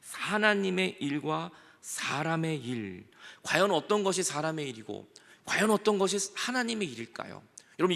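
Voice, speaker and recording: Middle-aged male pastor, bright and forceful, gravelly, animated sermon, reverberant church. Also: sits high. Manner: animated, acts out dialogue in quoted voices. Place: church sanctuary.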